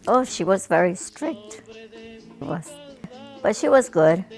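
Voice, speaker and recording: An older woman from Ecuador slowly and fondly recalling her childhood. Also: mid-range voice, animated, faint music behind. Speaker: interviewee. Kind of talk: reminiscing interview.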